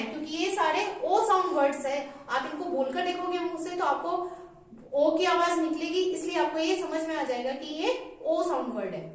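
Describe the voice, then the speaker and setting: A woman teaching a phonics lesson to small children online. She spells words out slowly in a coaxing, sing-song way and keeps asking questions. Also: very high voice. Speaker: kindergarten teacher. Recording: very echoey room.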